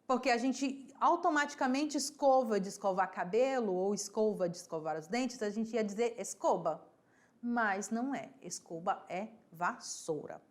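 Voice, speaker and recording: A woman teacher with a Brazilian Portuguese accent, giving a recorded vocabulary lesson and repeating each word slowly and clearly for her pupils. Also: mid-range voice. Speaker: Spanish teacher.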